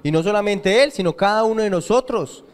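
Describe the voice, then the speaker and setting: Male pastor, high-pitched tenor, emphatic sermon with call-and-response questions. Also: expressive, a little fast. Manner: quizzes the congregation with fill-in questions; emphatic, repeats key phrases. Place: church sanctuary.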